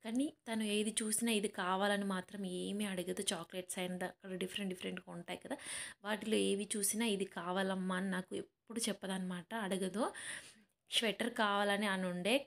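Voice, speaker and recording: A woman's voice: mid-range voice, steady tone, fairly quick. A young woman and mother narrating a family shopping vlog in a chatty voice-over, often addressing viewers as friends. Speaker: vlogger and mother.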